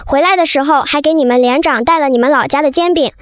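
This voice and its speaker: A woman voicing a bold, serious five-year-old girl in a calm, matter-of-fact, childlike voice. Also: fast, dry recording, clean studio sound, close to an everyday voice. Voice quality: high childlike voice. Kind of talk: audio drama acting.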